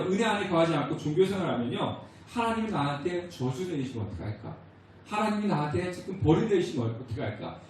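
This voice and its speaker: A man gives a sermon as a church pastor, asking the congregation questions and answering them himself. His voice sits high and carries, and he speaks quoted lines in a raised voice. The recording is very echoey and distant, as if captured from across a large sanctuary. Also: darkish tone, slight background noise. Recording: very echoey church hall, voice from far off.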